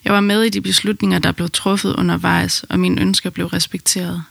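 Calm woman narrating, gravelly voice. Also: on the low side, no room sound. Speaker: narrator of her birth story. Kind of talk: first-person personal narration.

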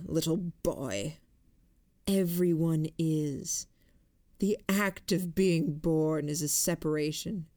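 A woman reading an audiobook, voicing a calm, detached woman who is a killer and lectures slowly. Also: low voice, dry recording, clean studio sound.

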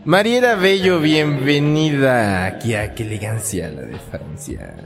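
A man hosts a joking homemade talk show. He is theatrical and pompous, his pitch swings widely, and he speaks slowly. Music plays behind him. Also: sing-song. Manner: theatrical, hamming up a pompous host voice. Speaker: host. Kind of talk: playful mock talk show.

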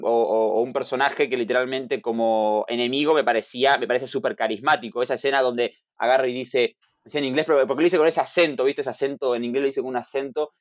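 A young man talks in a casual podcast, eager and rambling, stumbling over restarts. His voice sits at an ordinary pitch. The mic sounds dull and dry, with no room around it. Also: no room sound. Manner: excited, rambling with many restarts. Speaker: podcast guest.

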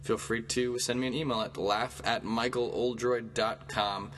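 Bright-voiced man rambling in a small room. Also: mid-range voice, steady tone, moderate pace. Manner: rambling, self-mocking joking. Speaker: comedy podcast host. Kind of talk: casual solo comedy podcast talk. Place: inside a small clothes closet. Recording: small closet room, clear background noise and hum.

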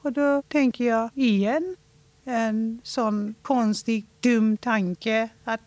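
A woman from Iran telling a personal story in an interview, reflective and halting, slowing down when she talks about her feelings. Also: fairly high pitch, fairly even intonation, a little mellow, dry recording.

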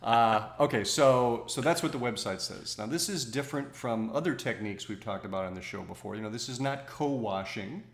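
A man hosts a podcast in a relaxed, chatty way, teasing drily and explaining things in an even, calm manner. His voice carries a noticeable room echo around it. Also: mid-range voice, fairly quick, hardly any pauses. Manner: dry teasing, explains calmly. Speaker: podcast host. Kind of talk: casual chat. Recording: roomy echo.

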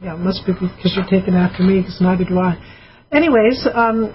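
A woman's voice: fairly low pitch, brisk. A woman co-hosting a radio show, reading listener emails aloud in a chatty, teasing way. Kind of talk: casual radio call-in talk. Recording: dull lo-fi radio audio with faint hiss.

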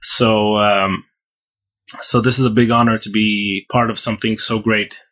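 A man from Ukraine, a rabbi, answering interview questions earnestly and haltingly, with many fillers. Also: on the low side, little pitch movement, a bit bright. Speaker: rabbi, guest. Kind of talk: podcast interview.

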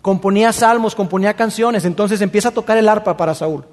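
A man preaching a sermon, retelling a Bible story in a colloquial, animated way. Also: high voice, fast talker, big-room sound. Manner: colloquial and animated, with slangy asides. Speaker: pastor.

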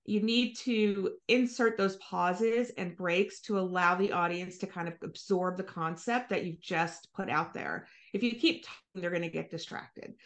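Woman, podcast guest, a bit low voice, thoughtful explainer. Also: steady tone, unhurried, hardly any pauses. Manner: thoughtful, explanatory, occasional fillers. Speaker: marketing executive guest. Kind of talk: conversational interview.

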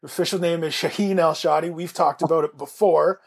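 A man's voice: a little high, fairly even intonation, brisk, vocal fry, husky. A man from Canada hosting a casual podcast chat, talking in a rambling way with restarts. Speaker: podcast host.

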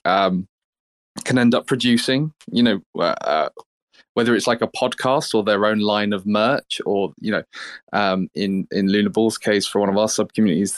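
A low-pitched man chats casually in a group audio room. His delivery is halting and appreciative as he thinks aloud. The sound is dry, with no room echo. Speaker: NFT project team member speaking as guest. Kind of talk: casual talk in an online audio space.

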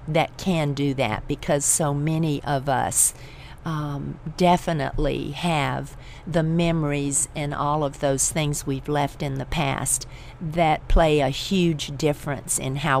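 Middle-aged woman, deep and unhurried, pastoral and comforting, faint hiss behind. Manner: gentle, reassuring, pastoral. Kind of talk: encouraging devotional talk.

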